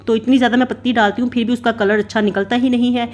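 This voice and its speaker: This vlogger mother from Pakistan, in her thirties, narrates her cooking-and-routine video in a separately recorded voice-over, talking very fast in a high, steady voice. She rambles casually and drops "na" constantly.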